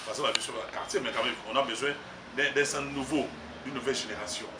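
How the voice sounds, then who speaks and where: A political candidate who serves as his party's communications secretary speaks quickly and emphatically in a Congolese French accent, rambling and slipping into Lingala. His voice is medium-pitched and steady in tone, and the street interview was caught on a distant mic in a roomy, noisy setting.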